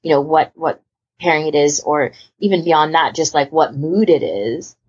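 A woman with a low, slightly mellow, husky voice chats at normal speed about a hobby as a podcast panelist. She rambles emphatically and often rephrases mid-sentence, heard through a muffled lo-fi recording.

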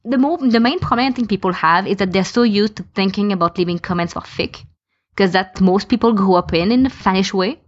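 A woman who podcasts and makes fan podfics shares her opinions in a casual discussion, backing them up with lists of examples. She speaks briskly at medium pitch, captured on a dull, lo-fi recording.

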